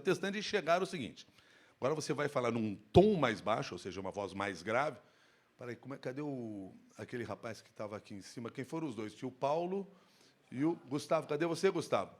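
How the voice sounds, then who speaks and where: A man speaking on stage at a workplace safety event, giving an expressive live lecture into a handheld microphone. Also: mid-range voice, a little fast. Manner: animated, expressive, shifts tone to demonstrate.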